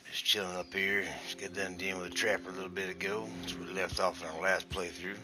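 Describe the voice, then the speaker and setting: A man's voice: low-pitched, level tone, fast talker, music in the background, natural voice. A man voicing a folksy adult cowboy with an exaggerated southern drawl during gameplay commentary.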